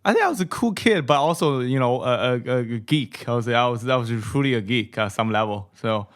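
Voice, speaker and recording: Here a venture capital guest on a podcast, a Mandarin-accented man in his thirties from China, speaks expressively at a fairly quick clip in a mid-range voice. Casual and repetitive, he keeps ending phrases with "right?" The setting is a small brick-walled studio, where he wears headphones and speaks close to a boom-mounted studio mic.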